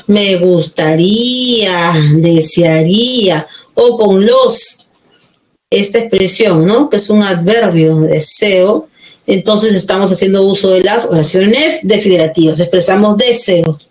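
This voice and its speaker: A woman's voice: mid-range voice, measured pace. Echoey-voiced woman teaching grammar. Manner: explains step by step, asks checking questions. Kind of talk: classroom grammar lesson. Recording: echoey room.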